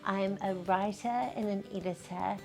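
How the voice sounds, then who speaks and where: A woman's voice: medium pitch, level tone, normal speed, faint music behind. A woman presenting a book review segment, speaking directly to the audience.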